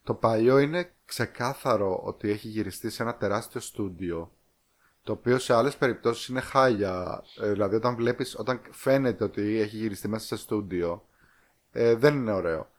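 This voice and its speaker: A man co-hosting a podcast in casual chat about films and series, relaxed and trailing off into fillers. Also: lowish voice. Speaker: podcast co-host.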